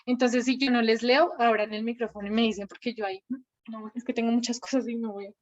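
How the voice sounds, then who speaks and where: This woman leads an online Bible class with screen sharing, talking through her thoughts while entering names on the shared display. She speaks fast, her pitch fairly high and her tone steady. The audio comes from a computer mic and sounds dull and lo-fi, typical of a video call.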